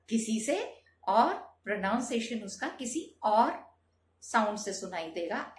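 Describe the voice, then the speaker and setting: A woman's voice: medium pitch, roomy sound. A woman teaching a Hindi lesson to students, calling them children and asking rhetorical questions.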